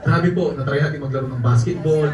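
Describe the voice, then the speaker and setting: A man with a slightly high voice talks a little fast, laughing often as he tells jokey travel stories to a live audience as a network marketing speaker. The audio is dull, recorded from a distance in an echoey event hall with crowd noise.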